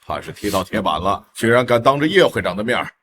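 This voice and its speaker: An actor playing a smug onlooker gloating over the hero. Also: male voice, lowish voice, lively intonation, fast, crowd noise, lightly acted.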